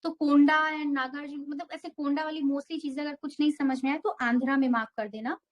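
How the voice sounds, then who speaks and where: Young woman teaching exam geography, high voice, goes through the map bit by bit. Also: steady tone, brisk, lo-fi sound. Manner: explains step by step, mixing English terms into Hindi. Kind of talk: map-based geography lesson.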